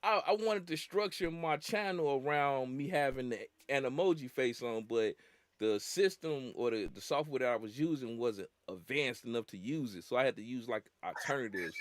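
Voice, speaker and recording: A man's voice: mid-range voice, animated, moderate pace, no room sound. A young man hosting a podcast in casual, slangy chat, often laughing as he talks. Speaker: podcast host.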